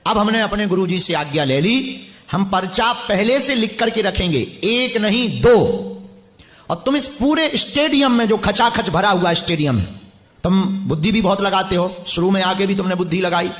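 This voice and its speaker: A man's voice: high voice, moderate pace, a bit bright. A man preaching live to a packed stadium, taunting and bossing people in the crowd. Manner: taunting, mocking, commanding the crowd. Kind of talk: live religious gathering address. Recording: echoey stadium with crowd ambience.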